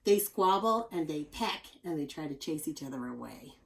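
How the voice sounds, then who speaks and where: A woman with a deep voice and some vocal fry reads a children's nonfiction book aloud at a moderate pace. She sounds like a teacher, expressive and explanatory, and adds chatty asides for the young listeners.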